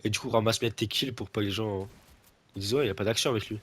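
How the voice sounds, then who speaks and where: A young man making a gaming video, nose stuffy from a cold, teases his friend through a casual play session and keeps restarting his sentences amid lots of fillers. His lowish voice stays steady, rapid-fire, fairly bright in tone and slightly rough.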